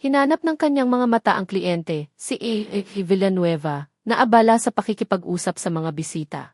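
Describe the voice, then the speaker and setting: A woman with a Filipino accent narrates a scripted, dramatic story in a medium-pitched, expressive voice with a darkish tone at a moderate pace. The studio-quality recording has no echo.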